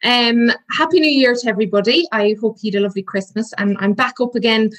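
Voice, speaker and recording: A woman's voice: a little high, quick pace, fairly bright tone. A woman with a west of Ireland accent, hosting a podcast in a chatty interview style. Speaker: podcast host.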